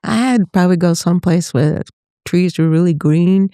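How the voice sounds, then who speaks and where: A woman's voice: lowish voice, normal speed, mellow, no room sound, studio quality. A middle-aged woman from Northern California, a voice teacher chatting casually as an interview guest, laughing often and trailing off mid-thought.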